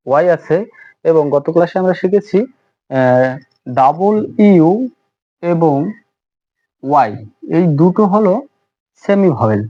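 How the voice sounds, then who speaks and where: Man teaching English slowly. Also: a little high, dark tone, dry recording. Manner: slow, repetitive, lots of 'uh' fillers. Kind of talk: spoken English lesson. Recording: dull lo-fi sound.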